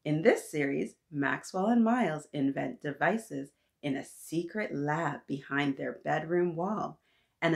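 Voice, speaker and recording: Reading aloud to small children, a lowish-voiced woman leads a lively, encouraging interactive storytime and talks straight to her young audience.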